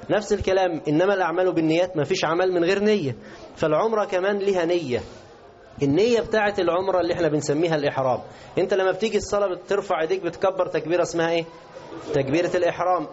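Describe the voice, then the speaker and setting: Speaking with an Egyptian Arabic accent, a man leads a religious class, explaining material and putting questions to his students. His voice sits high and is a little mellow. The audio is dull and lo-fi.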